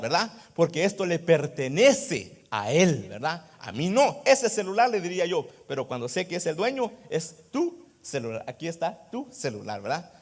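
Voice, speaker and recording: A male pastor delivering a sermon in a high-pitched, very animated voice. He leans on rhetorical questions and tags his phrases with "right?" to hold the congregation. He swings between quiet asides and loud exclamations of praise. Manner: keeps adding "¿verdad?".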